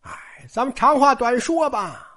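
A woman's voice: high-pitched, expressive, normal speed, fairly bright tone. A woman telling a classic novel in a chatty, colloquial storytelling style, often addressing listeners directly.

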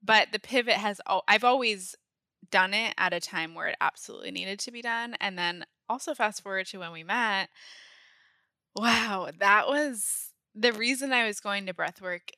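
A woman's voice: mid-range voice, moderate pace, pushed and bright, dry recording, clean studio sound. A young woman from Maine, a guest on a podcast, talking casually and laughing often. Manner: laughs often, says "like" a lot. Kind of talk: casual interview talk.

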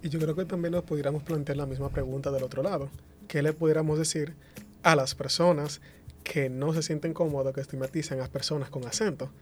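A man speaking on a discussion panel, measured and careful, restating phrases as he refines his point. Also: a little high, fairly even intonation, soft background music. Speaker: panel guest.

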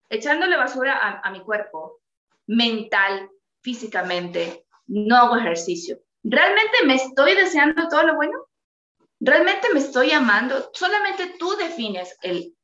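A woman's voice: high-pitched, sharp tone, reverberant, highs cut off. A woman giving a motivational talk, earnest and full of rhetorical questions to her listeners. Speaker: motivational speaker.

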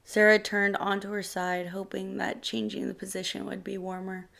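A woman narrating a short story in a measured, steady way. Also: mid-range voice, vocal fry.

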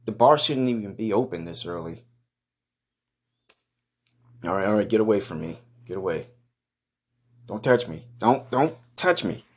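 A man's voice: low-pitched, normal speed, long pauses, breathy edge. A man giving casual, improvised first-person commentary in a crude, profane, slangy way, blunt and mocking as he goes.

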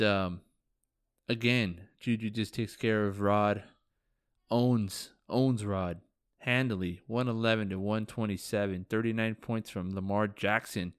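A man's voice: on the low side, smooth, no room sound, studio quality. Tired, joking podcast host man. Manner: loose and joking, with casual swearing and ribbing of league friends. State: tired, yawning. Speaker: fantasy football podcast host. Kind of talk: casual solo podcast recap.

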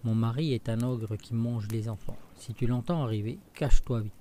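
A man's voice: medium pitch, a little hiss or hum, close to an everyday voice. A man doing a stern old ogre's wife. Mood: urgent. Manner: hurried, hushed warnings.

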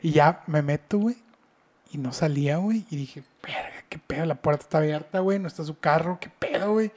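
A man with a Mexican accent telling a story in casual chat, slangy and animated, dropping to a whisper for suspense. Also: a little high, fairly quick. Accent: Mexican Spanish.

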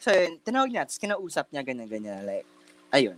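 Young guy podcast cohost, taglish chatter, pitch jumps all over, lots of fillers and campy slang. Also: huge pitch swings, fairly quick, a bit bright. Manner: chatty Taglish storytelling with many fillers and restarts. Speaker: podcast co-host. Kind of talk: casual chat.

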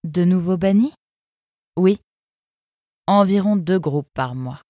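A woman's voice: lowish voice, expressive, slow, mellow, no echo, studio quality, voice pushed up. A woman voicing a tall tattooed female fox who talks in a blunt, offhand, cynical way in a storybook.

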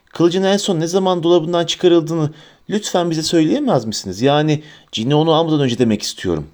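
A man voicing a clever, eager teenage girl who reasons quickly in an audiobook reading. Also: a little high, a little mellow, voice pushed up, close to an everyday voice.

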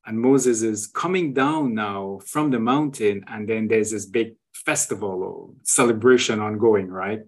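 A man's voice: on the low side, a little slow, hardly any pauses, darkish tone. Man explaining with frequent "right?". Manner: tag questions, frequent restarts. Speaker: guest sharing travel photos. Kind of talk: conversational explanation.

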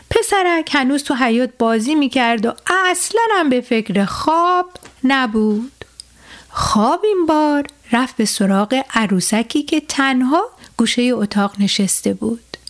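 A woman host reads a bedtime story for children with a high voice. She takes her time and often turns to address the young listeners directly. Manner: speaks directly to children, unhurried.

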